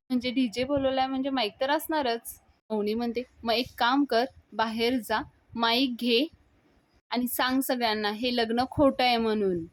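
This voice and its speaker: A woman retelling a TV serial episode, acting out each character's lines in a lively way. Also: on the high side, no echo.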